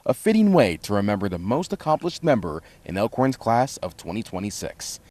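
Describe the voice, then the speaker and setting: A man reading a scripted television news report in an expressive delivery. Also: fairly low pitch, fairly quick.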